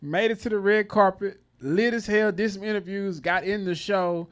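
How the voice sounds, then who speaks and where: Animated man telling stories. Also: high-pitched, normal speed, smooth. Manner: animated storyteller, laughs often. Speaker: co-host. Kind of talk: casual chat, telling stories.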